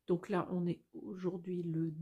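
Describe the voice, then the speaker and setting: A woman's voice: lowish voice, little pitch movement, unhurried, husky, muffled recording. A woman hosting a casual step-by-step knitting tutorial, chatty and thinking aloud as she corrects herself.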